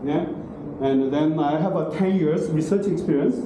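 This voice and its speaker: A middle-aged man lectures at a university in broken English, his voice a little high and his pace moderate, often checking in with "okay?" and "right?". A far-off room camera in a large classroom picked it up, so the audio is very echoey and noisy.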